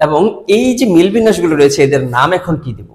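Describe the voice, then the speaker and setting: Male lecturer, Bangladeshi Bengali accent, slightly high voice, patient step-by-step explainer, reverberant room. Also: animated, quick pace, a little mellow. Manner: explains step by step, asking and answering his own questions. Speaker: teacher. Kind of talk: recorded lecture.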